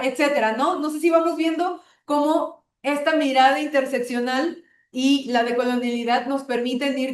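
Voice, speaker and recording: A woman's voice: a little high, echoey room. A Mexican woman from Tabasco leading a workshop, explaining concepts and checking in with her listeners. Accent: Mexican Spanish. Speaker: workshop facilitator. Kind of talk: online workshop lecture.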